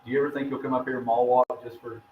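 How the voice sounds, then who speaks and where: A man's voice: medium pitch, little pitch movement, rapid-fire, phone-quality sound. A man, hosting a casual morning radio show with easygoing teasing. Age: 30s. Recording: roomy studio, light noise.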